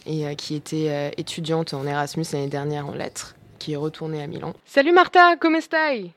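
A woman's voice: sits low, little pitch movement, fairly quick, darkish tone. A young woman hosting a casual chat show, talkative, with lots of fillers and restarts. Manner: chatty, many fillers and restarts, laughs along. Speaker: radio show host.

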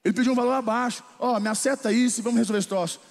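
A man with a Brazilian Portuguese accent preaching a sermon, telling a lively story and then leading a slow prayer. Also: extremely high pitch, long reverb tail. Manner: animated storytelling, turning slow and solemn in prayer. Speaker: pastor.

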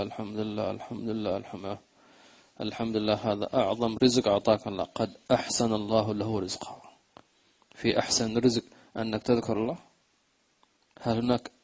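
Male religious teacher, low and husky, gravelly; moves between slow chanting and quick colloquial explanation. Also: a little mellow, low-quality recording. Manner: chants verse slowly, then talks fast and plain to listeners. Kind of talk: religious lesson commentary.

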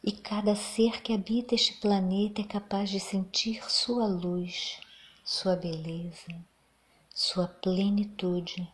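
A woman with a Brazilian accent leads a guided meditation in a soft, breathy, near-whispering, soothing voice. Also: mid-range voice.

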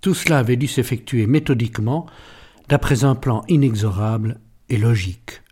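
A man narrating a French classic story in a measured, theatrical reading. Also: mid-range voice, warm tone, husky. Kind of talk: scripted audiobook narration.

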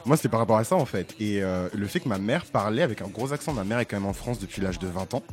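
A fast-talking man with a fairly low voice tells personal stories in a casual panel talk. He restarts his sentences restlessly and stays animated throughout.

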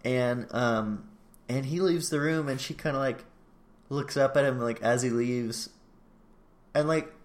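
A man's voice: medium pitch, measured pace, pauses often. A man co-hosting a casual podcast, recapping a show. He replays the dialogue line by line, putting on each person's voice in turn. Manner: animated retelling, acting out both sides of a conversation. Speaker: podcast co-host.

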